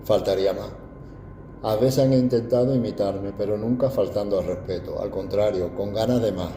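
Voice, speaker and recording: A man's voice: fairly low pitch, moderate pace, mellow, slight background noise. Older Andalusian man, proud, roomy sound. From Andalusia, Spain. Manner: proud, reflective storytelling. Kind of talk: personal testimony.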